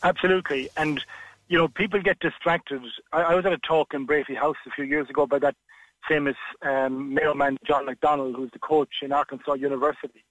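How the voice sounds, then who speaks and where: A man's voice: fairly high pitch, flat delivery, brisk, a bit bright, no room sound, poor audio. A man giving frank, discursive interview advice on a radio call-in, with many fillers and restarts. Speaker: interview coach.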